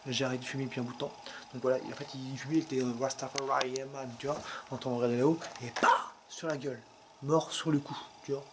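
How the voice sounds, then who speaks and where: A man rattles off jokes at a quick clip while poking around an abandoned garage. His talk rambles and keeps breaking off mid-thought. The camera mic carries a clear layer of background noise. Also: mid-range voice, little pitch movement. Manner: rambling, clowning, self-interrupting. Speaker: co-host of a parody urban-exploring show. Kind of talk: jokey improvised commentary.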